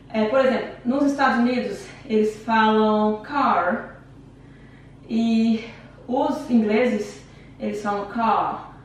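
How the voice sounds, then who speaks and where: A woman's voice: a little high, darkish tone. Breathless Brazilian woman coaching a workout. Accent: Brazilian Portuguese. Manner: chatty, encouraging, counts down reps. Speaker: fitness instructor. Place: room at home. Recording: very echoey room, distant mic, faint noise.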